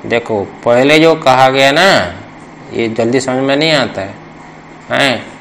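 Slow-paced man teaching Sanskrit grammar. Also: mid-range voice, gravelly, a bit bright, slight background noise, poor audio. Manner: slow, repetitive, quizzing students for answers. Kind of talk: traditional classroom lesson with call-and-response.

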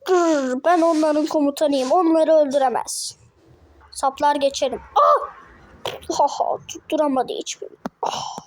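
A woman's voice: high-pitched, measured pace. A woman giving playful, slangy gameplay commentary, yelping, giggling and voicing the fighters. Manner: excitable, slangy, yelps and giggles. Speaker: gameplay narrator.

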